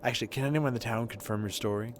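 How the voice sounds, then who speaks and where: A man voicing a skeptical doctor from a video game in a measured, dry, probing manner. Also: mid-range voice, background noise, voice pushed down, lightly acted. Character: skeptical, dry male doctor questioning a child. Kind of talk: read-out video game dialogue.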